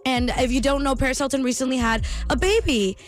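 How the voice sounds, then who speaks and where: A woman's voice: sits high, brisk, faint music behind. A woman co-hosting a radio show, chatting in an enthusiastic, gushing way. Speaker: radio co-host. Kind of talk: casual radio chat.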